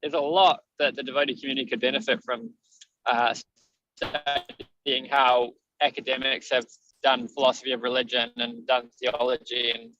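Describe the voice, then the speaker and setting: A man's voice: mid-range voice, level tone, normal speed, a bit bright, dry recording. A man in an online study group, talking casually over Bluetooth headphones on a bad connection that keeps cutting his voice in and out, thinking aloud with fillers and restarts. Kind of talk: casual discussion on a video call. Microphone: Bluetooth headphones on a video call. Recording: muffled, dropout-prone video call audio.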